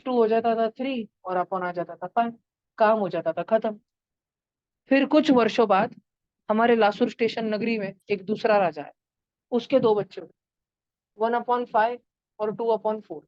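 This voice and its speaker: A woman's voice: fairly high pitch, measured pace, long pauses, no echo, lo-fi sound. A woman teaching a math lesson to children in an online class, turning numbers into story characters and acting out their lines. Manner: playful, acts out number characters in voices.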